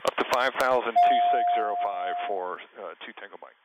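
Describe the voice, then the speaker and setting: A man's voice: fairly low pitch, a little fast, very noisy. A man flying a small jet, speaking into a cockpit headset and giving clipped, matter-of-fact radio calls and takeoff callouts. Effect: pilot speaking over a cockpit headset intercom. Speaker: pilot. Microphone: headset boom mic.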